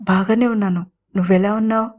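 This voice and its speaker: A woman narrator voicing a shy young woman in love, speaking in a lowered, hushed voice in an audio story. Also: fairly even intonation, fairly quick, lightly acted.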